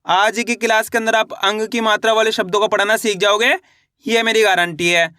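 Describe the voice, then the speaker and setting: A man teaching reading in a video lesson, drilling each sound with repeated questions and slow model words. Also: sits high, fairly even intonation, bright, forceful tone, smooth, dry recording, studio quality. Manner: repetitive call-and-response drilling, drawn-out model words. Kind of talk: classroom-style video lesson.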